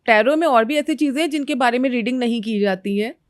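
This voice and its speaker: A woman's voice: a little high, quick pace, dry recording, studio quality. A woman interviewing a guest, asking curious, probing questions and nodding along with short acknowledgements.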